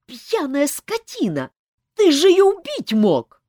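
A woman voicing a hot-tempered young woman who yells and swears bluntly. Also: high-pitched, wildly swooping pitch, moderate pace, no echo, clean studio sound, voice pushed up, full character voice. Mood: furious.

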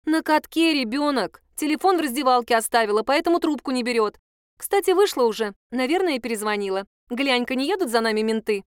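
Woman reading a bossy, sarcastic young tough girl; smooth, dry storybook voice. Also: high-pitched, fairly quick, dry recording, pitched above the performer's own voice, natural voice. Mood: brash. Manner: crude, mocking, bossy. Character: brash foul-mouthed young woman kidnapper, sarcastic.

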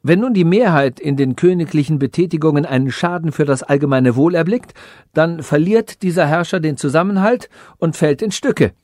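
A man's voice: on the high side, moderate pace, a little mellow, dry recording, studio quality, pitched above the performer's own voice, lightly acted. A man voicing a nervous, clever old male sage telling a strange tale to a king, in an audiobook reading. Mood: hurried.

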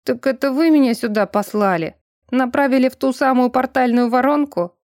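A woman's voice: high voice, normal speed, a little mellow, dry recording, clean studio sound, voice pushed up, lightly acted. A woman voicing an offended young male student asking hurt questions in an audiobook. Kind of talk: audiobook character voice.

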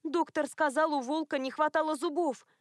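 A woman's voice: high-pitched, fairly even intonation, normal speed, dry recording, clean studio sound, voice pushed up, natural voice. A woman voicing a bewildered young woman newly turned werewolf, indignant and questioning.

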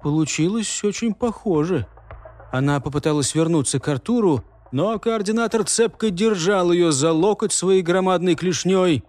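Male audiobook narrator, steady reading, slightly high voice. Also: moderate pace. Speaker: audiobook reader. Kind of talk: scripted narration.

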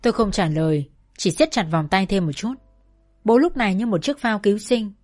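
A woman narrating a first-person family story in a soft, emotional way. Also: mid-range voice, lively intonation, normal speed, faint music behind.

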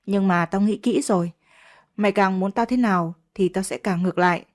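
A woman's voice: mid-range voice, fairly quick, lightly acted. A proud young wife with a cold, taunting edge, sure of herself and defiant toward her rival, as a woman narrator reads her. The storybook voice stays close to an everyday female voice.

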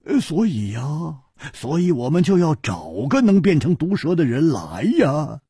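A boisterous, quick-tempered swordsman, put on by a male storyteller, who shouts and lectures his old friend. The voice sits high and leaps all over the place, with a husky, raspy grain. It is close and dry, a storyteller's radio delivery. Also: very animated, no echo, exaggerated voice. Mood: teasing. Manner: loud, blustering, scolding.

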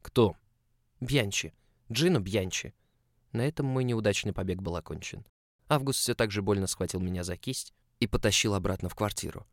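A man reading a first-person story aloud, emotional and confessional in tone. His voice is low and even. The recording is dry, with no echo around it. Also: fast. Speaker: audiobook narrator.

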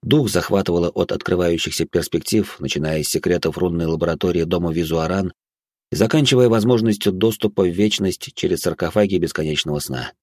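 A man reading an audiobook in the first person, steady and even. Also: low-pitched, a little fast, dry recording, studio quality. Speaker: audiobook narrator.

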